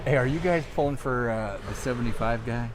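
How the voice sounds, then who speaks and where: A man calls a hockey game play by play in a loose, joking way, keeping up with the puck as it moves. His voice sits in the middle range. A steady wash of loud rink noise runs under everything he says. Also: mid-range voice. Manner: jokey, quick to follow the action. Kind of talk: casual amateur play-by-play commentary.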